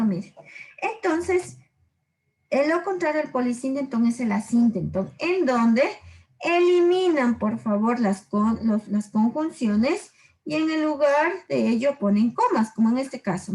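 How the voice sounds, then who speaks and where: A woman teaching a language class, her voice sitting a little high. She is patient, stretching out each example and checking in with her students after every point. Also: a little mellow, rough recording. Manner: patient, repeats examples slowly and checks in with short questions. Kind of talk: explaining literary figures in a class.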